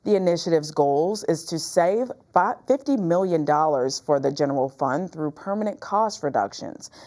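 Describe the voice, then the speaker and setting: Low-voiced American female news anchor. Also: expressive, normal speed, warm tone. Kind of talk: scripted news reading.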